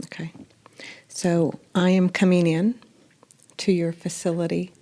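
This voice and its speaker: A woman's voice: on the low side, little pitch movement, measured pace, warm tone. A woman hosting a podcast interview, asking direct questions in a conversational way. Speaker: podcast host.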